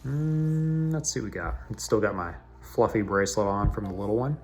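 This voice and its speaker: Man, gameplay commentator, chatty and low-pitched, recorded with heavy echo in a large cavernous room. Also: fairly quick, a little mellow, faint music behind. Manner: chatty, talks himself through menus. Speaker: mobile game video host.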